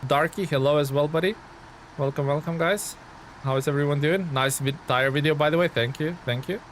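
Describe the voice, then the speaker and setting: Speaking fairly quickly in a slightly high voice, a man from Lithuania chats casually on a game live stream. He reads viewer comments out and answers them with many fillers, and slight background noise can be heard.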